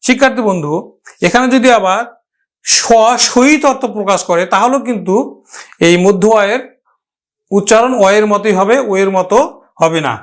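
A man teaching a pronunciation lesson, sounding out words syllable by syllable and asking and answering his own questions. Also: high-pitched. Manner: slow, drawn-out syllable-by-syllable modelling of words.

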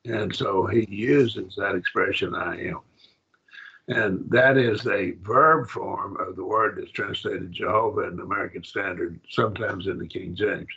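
Gravelly, husky older-sounding man teaching. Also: lowish voice, fairly bright tone, dull audio. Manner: halting, repeats words, asks the class if it makes sense. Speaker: Bible class teacher. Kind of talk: classroom Greek lesson.

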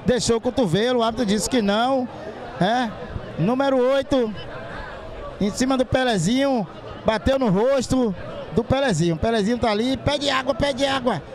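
A man's voice: extremely high pitch, moderate pace. A man with a Bahian accent reporting live on a football match from an outdoor ground. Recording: clear stadium crowd noise.

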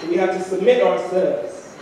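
High-voiced young man preaching in church. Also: steady tone, normal speed, mellow, a little hiss or hum. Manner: rhythmic repetition, building to sung climaxes. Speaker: lay preacher. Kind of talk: sermon. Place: large church sanctuary. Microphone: handheld mic at pulpit. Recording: echoey church from far off.

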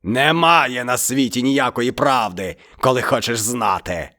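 A man voicing an ungrateful, hungry male tiger in a storybook reading, growly and drawn-out, with soft music behind. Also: medium pitch. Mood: gloating.

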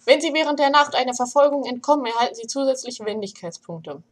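A young woman hosting a let's play, commenting casually and shouting in panic when things get scary. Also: high-pitched, quick pace. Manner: excitable, panicky shouting during scares.

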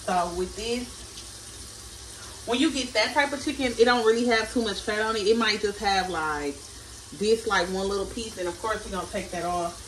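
In a moderately paced, medium-pitched, fairly bright voice, a woman does a casual cook-with-me chat, addressing her audience as y'all. The distant camera in her small kitchen captures roomy sound, running water, and slight background noise.

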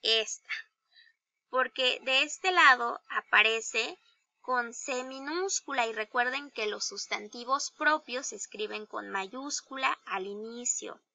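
A woman teacher with a Mexican Spanish accent, giving a slow, deliberate grammar lesson to young children and asking them questions. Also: fairly high pitch, gravelly, pushed and bright, no echo. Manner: slow, deliberate, spells out each example; addresses pupils directly with questions. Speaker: primary school teacher.

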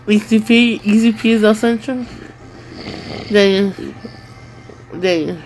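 A woman's voice: mid-range voice, steady tone, takes it slowly, darkish tone, faint music behind. A woman in casual chat, teasingly prodding a sleep-talking partner with repeated questions. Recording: noisy home recording.

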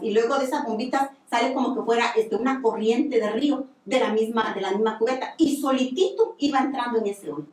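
A woman giving a religious testimony on the radio, telling her story earnestly with many repetitions. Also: a little high. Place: radio studio. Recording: echoey room, distant mic.

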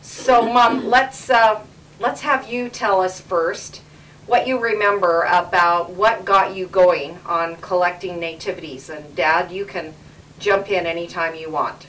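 A woman's voice: fairly low pitch, steady tone, unhurried, a bit bright, far from the mic, slight background noise, rough recording. A middle-aged woman from Canada hosting a casual home interview with her parents, chatty and repeating words for emphasis, recorded as old camcorder audio.

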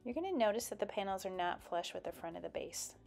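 A woman's voice: medium pitch, lively intonation, fast, creaky, darkish tone, faint music behind. A woman narrating a step-by-step build tutorial in a plain, explanatory voice-over.

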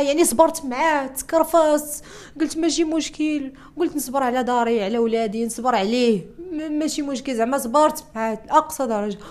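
A young woman with a Moroccan Arabic accent giving an emotional personal testimony, distressed, repeating herself and restarting her sentences. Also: high-pitched. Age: young adult. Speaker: interviewee.

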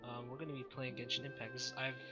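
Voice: mid-range voice, little pitch movement, fast talker, lo-fi sound. A young adult gaming host giving casual let's play commentary. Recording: loud game music behind. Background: game music.

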